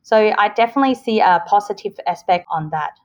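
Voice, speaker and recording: Her medium-pitched voice is expressive and a little mellow, and she speaks fairly quickly, though the audio is dull. She's a Hong Kong-born woman in her forties who grew up in Australia, cheerfully and earnestly answering casual interview questions on a podcast and explaining through homely examples.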